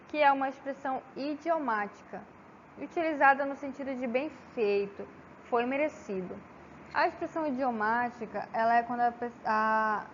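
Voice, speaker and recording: Woman presenting with halting tag questions. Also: fairly high pitch, a little hiss or hum. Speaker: student presenter. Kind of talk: academic oral presentation. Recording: slightly dull lo-fi with faint ambience.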